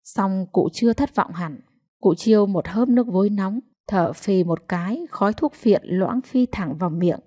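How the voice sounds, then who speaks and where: A woman narrating a short story in a calm, measured storytelling voice. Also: mid-range voice, no echo, clean studio sound. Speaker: audiobook narrator.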